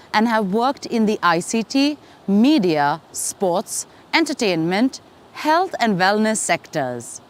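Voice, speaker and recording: Lively young woman from India, testimonial. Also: medium pitch. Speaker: student giving a testimonial. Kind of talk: prepared video testimonial.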